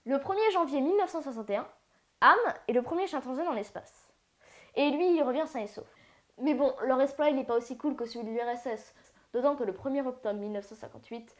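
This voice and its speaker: High-voiced woman narrating space history. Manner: playful, slangy asides. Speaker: science channel narrator. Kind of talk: casual educational narration.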